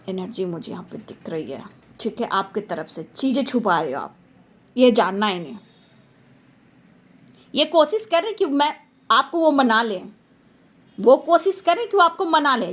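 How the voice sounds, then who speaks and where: A woman's voice: high-pitched, a bit bright. A woman doing a tarot reading for her viewers, talking emphatically and repeating phrases for stress. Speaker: tarot reader.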